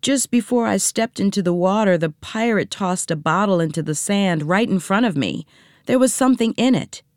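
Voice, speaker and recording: A woman's voice: medium pitch, lively intonation, moderate pace, a little mellow, no room sound, clean studio sound, voice pushed up, natural voice. A woman voicing an eager young boy in a storybook reading. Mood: excited.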